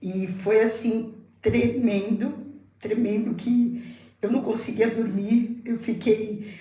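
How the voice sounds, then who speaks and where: A woman's voice: on the high side, steady tone, slow pace, warm tone. Woman telling a testimony in an echoey room. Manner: emotional faith testimony, repeats herself. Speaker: guest. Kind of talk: casual chat, testimony.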